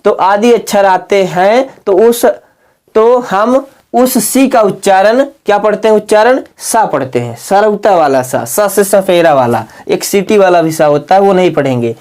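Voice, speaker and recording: A man teaching a casual video lesson, who asks questions and answers them himself, and spells words out slowly. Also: sits high, lively intonation, darkish tone. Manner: slow, drawn-out spelling aloud.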